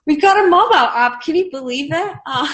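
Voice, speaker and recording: A woman from Bulgaria, an online community manager, chats casually in an interview with a Bulgarian accent. Her voice sits high and a bit bright, with lively intonation and a moderate pace, and she's bubbly, laughing often between fillers.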